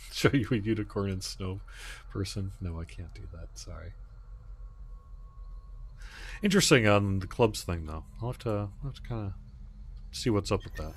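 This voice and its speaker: A man's voice: on the low side, lively intonation, a little slow, long pauses, a little hiss or hum. A man hosting a gaming livestream, chatting casually and thinking aloud in an easygoing way as he answers viewers. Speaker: livestream host playing a game.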